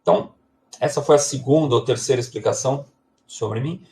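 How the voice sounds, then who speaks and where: A man's voice: mid-range voice, brisk, warm tone. A man, giving a chatty, personal introductory lesson on tarot. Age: 40s. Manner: chatty, personal, digressive storytelling. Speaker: tarot and astrology teacher. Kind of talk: introductory lesson, live stream talk.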